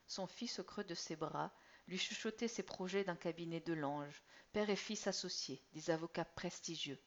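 A woman reading a story aloud in a measured, expressive voice that sometimes drops almost to a whisper. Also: on the low side. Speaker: narrator. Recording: slightly dull lo-fi recording.

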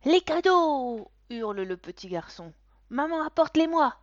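A woman voicing a bratty little boy at his birthday party, shrill and shouting. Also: animated, unhurried, no room sound. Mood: demanding. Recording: dull, dry recording.

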